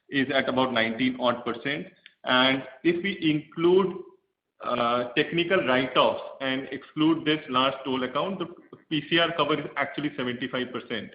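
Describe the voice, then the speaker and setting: A male bank executive on speakerphone, answering analysts in a conference call with measured speech and many fillers as he restarts his sentences. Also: mid-range voice. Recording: echoey, dull speakerphone audio with faint hiss.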